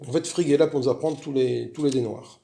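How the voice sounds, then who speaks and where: A man's voice: medium pitch, steady tone, fairly quick, creaky, dark tone. A man chatting casually as he walks through a solo board game, rambling with frequent restarts. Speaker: board game video host.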